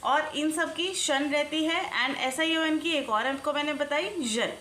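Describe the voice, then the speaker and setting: A woman teaching English spelling rules, talking slowly and deliberately, spelling words out letter by letter and asking her learners questions. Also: sits high, pushed and bright. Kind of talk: online lesson in Hindi-English mix. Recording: echoey room, faint background noise.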